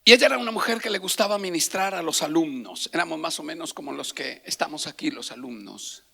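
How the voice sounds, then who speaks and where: A middle-aged man preaching a sermon as pastor, moving from hushed whispers to impassioned shouting. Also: a little high, lively intonation, fast, gravelly, husky. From Colombia.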